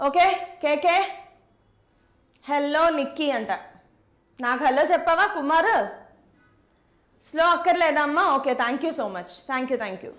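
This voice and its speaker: Woman, high voice, brisk live online physics teacher who repeats every step. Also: fairly bright tone. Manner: brisk, repeats key steps, mixes English terms into Telugu. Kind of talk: live online lesson with chat replies.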